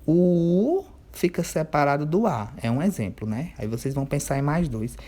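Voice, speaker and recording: Man, teacher of young kids, patient, drawls words out slowly to spell them, keeps checking that the class follows. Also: a little high, expressive, warm tone. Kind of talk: remote workbook lesson for children.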